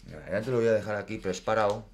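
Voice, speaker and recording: A man's voice: lowish voice, rapid-fire, background noise. A man in his forties with an accent from Spain, hosting with casual, colloquial, playful chat. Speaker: host. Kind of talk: casual chat, unboxing commentary. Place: small room indoors at a desk. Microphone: desk microphone.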